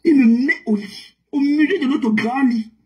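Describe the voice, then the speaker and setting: A woman telling a story on a live stream in an animated way, explaining with everyday comparisons and mixing in English words. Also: high voice, normal speed. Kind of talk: casual live-stream chat.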